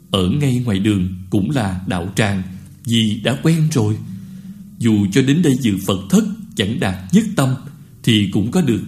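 A man giving a Buddhist dharma talk to a retreat, earnest and admonishing, slowly chanting short verses. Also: medium pitch, a little mellow. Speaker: Buddhist teacher.

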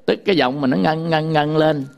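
A man teaching sutra chanting, explaining in quick casual talk and breaking into slow, drawn-out chanted demonstrations. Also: on the high side, creaky, a little hiss or hum. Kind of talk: chanting lesson with sung demonstrations.

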